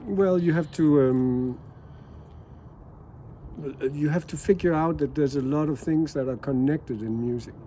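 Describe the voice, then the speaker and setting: A man from Denmark, a jazz musician, speaking softly and haltingly as an interview guest at a house. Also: fairly high pitch, slight background noise. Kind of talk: relaxed interview talk.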